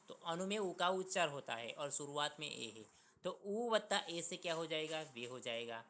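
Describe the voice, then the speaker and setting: Guy teaching grammar class, repeats each sound slowly, bright voice, faint noise behind. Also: a little high. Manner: asks students questions and answers them himself. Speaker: school teacher. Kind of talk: recorded Hindi grammar lesson.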